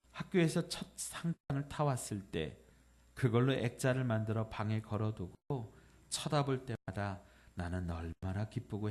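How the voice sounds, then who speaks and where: A male pastor giving a Sunday sermon, reading a poem and a letter aloud gently and slowing down on the tender lines. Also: fairly low pitch. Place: church sanctuary.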